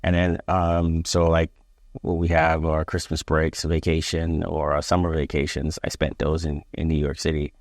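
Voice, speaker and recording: A man in his forties from Barbados, a police chief answering interview questions in a measured, halting way with many fillers. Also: a bass voice, completely flat delivery, dry recording, clean studio sound. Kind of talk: interview conversation.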